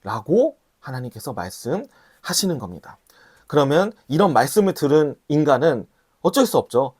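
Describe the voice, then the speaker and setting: A woman pastor preaching a sermon with a slight cold, clearing her throat now and then and acting out the voices she quotes. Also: low-pitched, sing-song, normal speed, darkish tone.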